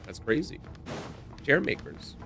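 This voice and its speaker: A man's voice: measured pace, over music. A man live-streaming a game, chatting casually and reacting in slang.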